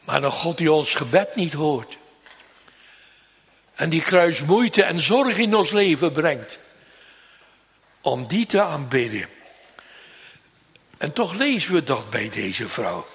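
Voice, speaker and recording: A man preaching a sermon in a church, solemn and emphatic, drawing out repeated pleas slowly. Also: a little high, sing-song, slightly rough. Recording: long reverb of a church hall.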